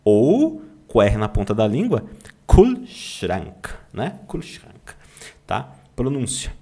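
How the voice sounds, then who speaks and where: A Brazilian man teaching German online, who draws out German words slowly to model the pronunciation and keeps asking "tá?" to check that students follow. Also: mid-range voice, very animated, mellow. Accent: Brazilian Portuguese. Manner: slow, drawn-out demonstration of German words, frequent "tá?" check-ins. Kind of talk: online language lesson.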